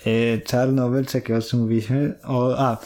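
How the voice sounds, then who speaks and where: A man's voice: mid-range voice, little pitch movement, moderate pace, a little mellow. A man co-hosting a casual podcast, arguing heatedly with his partner and swearing. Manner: heated, swears, then laughs. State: irritated. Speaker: podcast co-host.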